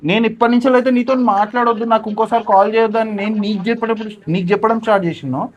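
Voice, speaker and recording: Man, high voice, quick, earnest and pleading, emotional conversation. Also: steady tone, lo-fi sound. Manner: earnest, pleading, often subdued. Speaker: regular of the show.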